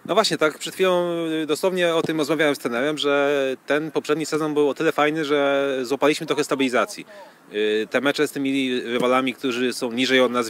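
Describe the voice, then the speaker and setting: Out on a football training pitch amid outdoor noise, a club official in his thirties talks into a reporter's handheld mic. His answers are measured and hesitant, delivered in a fairly bright tone.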